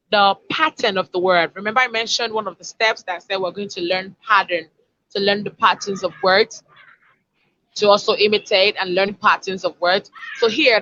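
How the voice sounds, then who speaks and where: A woman's voice: medium pitch, bright, forceful tone, no echo, dull audio. Woman teaching pronunciation. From Africa. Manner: explanatory, demonstrates word sounds. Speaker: communication expert. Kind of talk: online pronunciation lesson.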